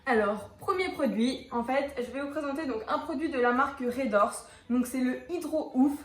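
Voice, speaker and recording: A high-pitched young woman reviews a product in a laid-back vlog about horses, talking at a moderate pace with many fillers and restarts. Her voice reverberates, and soft music plays behind her.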